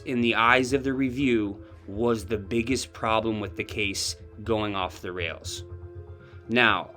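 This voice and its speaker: A man's voice: medium pitch, fairly bright tone. A man delivering scripted true crime commentary, pressing skeptical questions with pointed emphasis.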